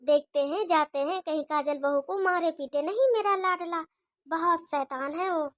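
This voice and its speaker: A woman's voice: extremely high pitch, moderate pace, slight background noise. Woman voicing a fussy older mother-in-law. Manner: fussy, scolding, chatty. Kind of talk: cartoon story voice acting.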